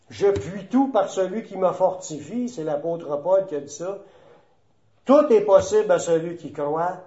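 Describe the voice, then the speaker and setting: A male preacher with a Quebec French accent, his voice pitched high for a man and unhurried. He hammers his key phrases through repetition. The sound is roomy and a little dull. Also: darkish tone. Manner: emphatic, repeats key phrases. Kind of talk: sermon.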